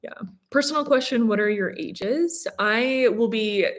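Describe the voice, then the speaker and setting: A woman's voice: fairly high pitch, a little slow. A woman in her twenties from Colorado chatting casually on a livestream with her partner, reading and answering viewer questions. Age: 20s. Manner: chatty, fillers and restarts, reads viewer comments. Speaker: vlogger co-host.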